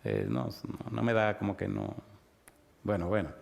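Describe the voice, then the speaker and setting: A man with a Dominican accent preaching a sermon. He keeps asking his listeners yes-or-no questions and moves between loud, emphatic lines and quiet, hushed ones. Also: lowish voice, very animated, moderate pace, gravelly. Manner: asks the audience rhetorical yes-or-no questions, swings from loud to hushed.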